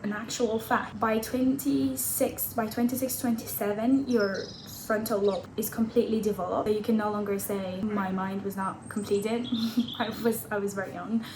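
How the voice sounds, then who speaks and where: A woman's voice: mid-range voice, steady tone, moderate pace. Chatty woman in her twenties, echoey room. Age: 20s. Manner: chatty and candid, laughing at herself. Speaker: vlogger. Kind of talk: casual talking-head vlog. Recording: echoey room with audible background noise.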